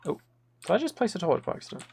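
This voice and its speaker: A live game streamer chats casually with viewers in a high, sing-song, slightly mellow voice, talking at a racing pace. His manner is dry, joking, and mock-serious, and keyboard and mouse clicks come through in the recording.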